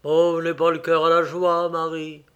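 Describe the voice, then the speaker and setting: A man's voice: fairly high pitch, completely flat delivery, moderate pace, a bit bright, smooth, highs cut off, close to an everyday voice. A man playing a bitter, heartbroken young village man who speaks with plaintive anguish in a read-aloud story.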